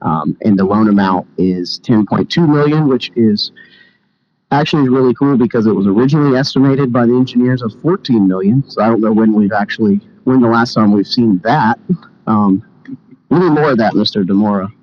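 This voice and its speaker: A man's voice: lowish voice, fairly quick. A man speaking as a committee chairman, running through formal meeting business in a conversational way. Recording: dull lo-fi meeting-room audio.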